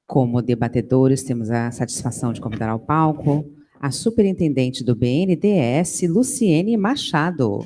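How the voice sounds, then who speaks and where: A woman with a Brazilian Portuguese accent making formal announcements at a conference, slow and deliberate. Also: a bass voice, animated, background noise. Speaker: event announcer.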